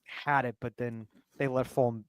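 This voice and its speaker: Animated man repeating himself, dry sound. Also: medium pitch, normal speed, smooth, no echo. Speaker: podcast co-host. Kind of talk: casual football chat.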